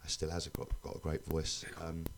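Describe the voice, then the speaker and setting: A man's voice: rumbling low, monotone, moderate pace, noisy background. A man, a singer chatting casually as a radio guest in a colloquial, rambling way. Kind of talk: casual chat.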